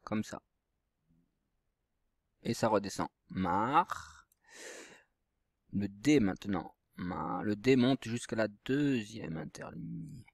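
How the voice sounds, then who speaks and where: A man's voice: fairly low pitch, lively intonation, slow pace, gravelly, long pauses, a little mellow, dry recording, clean studio sound. A male teacher patiently explaining handwriting and reading exercises step by step to young children at home. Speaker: primary school teacher. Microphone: computer mic while writing with the mouse.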